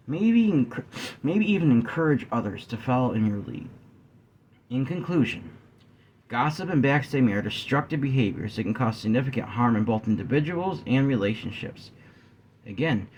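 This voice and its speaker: A man vlogging a sincere talk to his viewers, often clearing his throat and slowing down to stress key points. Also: mid-range voice, a little mellow, a little hiss or hum. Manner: earnest, addresses viewers as guys; frequent throat clearing, yawning. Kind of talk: talking-head discussion to viewers.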